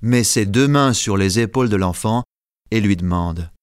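Male narrator, measured storytelling read, dry close mic. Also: fairly low pitch, clean tone, dry recording. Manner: calm, measured reading. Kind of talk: scripted audiobook narration.

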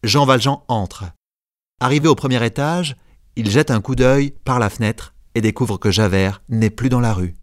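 A man narrating a classic story in a measured reading, giving short lines to the characters. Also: medium pitch, dry recording, clean studio sound. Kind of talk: scripted narration.

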